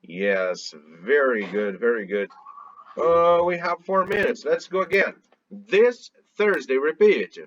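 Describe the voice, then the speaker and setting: Slow, lively male English teacher. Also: a little high, dull audio. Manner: slow, clearly articulated modeling with praise. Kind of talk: drilling pronunciation, repeat-after-me.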